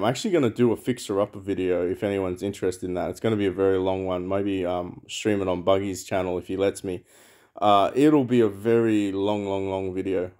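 A man's voice: lowish voice, a little mellow. A man giving rambling, casual commentary over a mobile game, thinking aloud with lots of fillers. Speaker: mobile game channel host.

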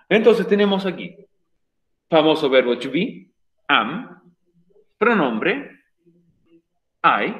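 A man's voice: a little high, fairly bright tone, highs cut off. A man teaching an online English class over a video call, explaining patiently and repeating key points. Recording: roomy echo.

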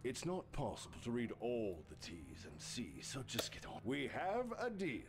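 A man's voice: mid-range voice, huge pitch swings, normal speed. A man playing a sly devil in a video game, grandiose and mocking, with a salesman's patter. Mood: smooth, persuasive. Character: sly, theatrical male devil striking deals. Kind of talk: video game character acting.

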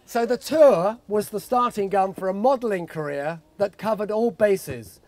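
A man's voice: high voice, normal speed, a little mellow, no room sound. A man in his sixties giving a jokey father of the bride speech, reading from notes into a handheld microphone. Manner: jokey storytelling. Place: outdoor garden wedding reception. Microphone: handheld microphone held close.

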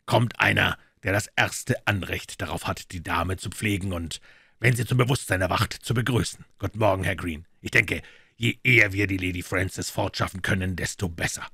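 A man reading an audiobook, voicing an urgent, commanding detective with a brisk delivery. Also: sits low, vocal fry, pushed and bright, husky, no echo, clean studio sound, full character voice. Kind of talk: audiobook character voice.

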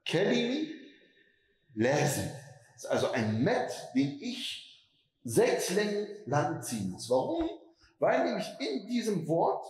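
A man's voice: fairly high pitch, darkish tone, echoey room, rough recording. A man giving a Quran commentary lecture as imam, asking rhetorical questions and stretching words for emphasis.

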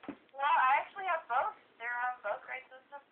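A woman's voice: high voice, lively intonation, normal speed. A woman working as a store clerk, handling a customer service call. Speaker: video game store clerk. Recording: thin, muffled speakerphone line.

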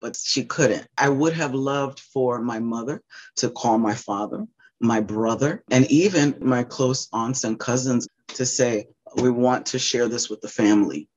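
A man's voice: medium pitch, a little slow, lo-fi sound. A man in his fifties giving candid, emotional personal testimony in an interview, speaking openly and swearing freely. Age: 50s. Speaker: interviewee, abuse survivor.

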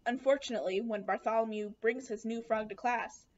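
In a small room at home, a young adult woman reads a children's picture book with expression, tossing questions and asides to her young audience. Her voice is on the high side and darkish, a little fast, with fairly even intonation, and the lo-fi webcam recording sounds dull.

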